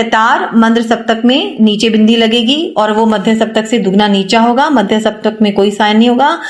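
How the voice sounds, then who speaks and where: A woman's voice: a little high, reverberant. A woman music teacher explaining a lesson, asking questions and answering them herself. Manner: asks questions and answers them herself, repeats key points. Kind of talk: classroom-style lesson explanation.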